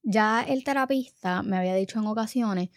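A woman's voice: medium pitch, moderate pace, no echo. A woman, telling a story from home to her viewers. She talks casually and acts out everyone she quotes. Her voice sits in the middle of her range and is recorded dry and close in a small setup. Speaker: mother telling a family story. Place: living room at home. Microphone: home recording set.

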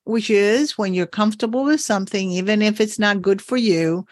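A woman's voice: mid-range voice, moderate pace, no echo, studio quality. A woman hosting a podcast as a coach, talking thoughtfully and encouragingly with frequent laughs. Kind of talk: reflective podcast conversation.

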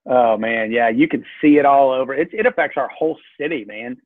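A man's voice: mid-range voice, fairly quick, no room sound. Georgia southern guy, easygoing jokey pastor, phone-thin audio, super dry. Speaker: pastor, podcast guest. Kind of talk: casual chat. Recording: dry tinny call-quality line.

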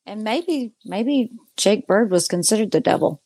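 A woman's voice: mid-range voice, measured pace, dry recording. A woman co-hosting a paranormal podcast, chatting casually about the voices she caught on tape and acting them out as she retells them. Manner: animated storyteller, imitates the voices she heard. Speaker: paranormal investigator and podcast co-host. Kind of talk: casual chat reviewing ghost-hunt audio.

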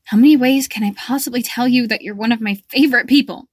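A fiery young heroine, read by a woman, protective and indignant, scolding sharply. Her voice is mid-pitched and close-miked, bone dry with no room around it. It is part of an audiobook reading of fan fiction. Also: lively intonation, normal speed, a bit bright, no room sound.

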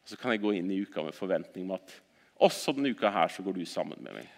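A man preaching a sermon at a church service, swinging between loud exhortation and quiet earnest talk, often repeating words as he restarts sentences. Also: deep voice, lively intonation, vocal fry, big-room sound.

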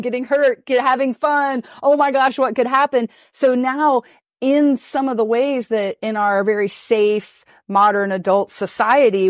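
A woman relationship coach talking in a podcast interview, animated and quick to laugh, swearing casually. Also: medium pitch, no room sound, studio quality.

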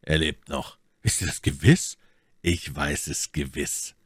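A man voicing a grave, brooding musketeer in an audiobook reading, speaking low and subdued. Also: a little slow, fairly bright tone, husky, no room sound, studio quality, full character voice. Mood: grim.

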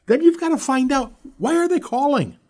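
A man's voice: extremely high pitch, lively intonation, moderate pace, darkish tone. A man hosting a podcast, coaching listeners on sales and acting out sample phone lines. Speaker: podcast host, roofing sales expert.

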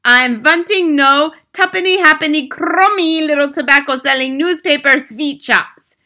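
The Grand High Witch, screeching. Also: unhurried, pushed and bright. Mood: furious. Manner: screeching, thundering rants. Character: furious commanding female witch queen, foreign-accented.

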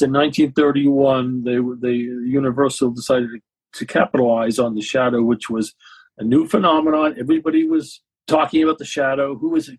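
A man's voice: mid-range voice, creaky, a little mellow, slightly rough, no echo, rough recording. A man giving casual, explanatory commentary as an expert guest in a podcast discussion. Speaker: guest expert on vintage radio and film.

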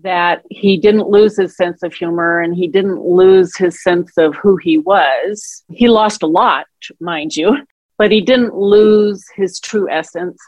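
A woman's voice: on the low side, slow, dry recording. Reflective woman telling caregiving stories. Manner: reflective, acts out quoted dialogue with warmth. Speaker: guest, author and caregiver. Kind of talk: conversational interview storytelling.

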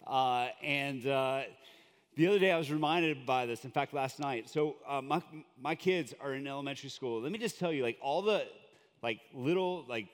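A man's voice: medium pitch, normal speed, long reverb tail. A man from Colombia preaching as a guest in a church, in a chatty, joking way with lots of fillers. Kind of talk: conversational sermon. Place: church sanctuary.

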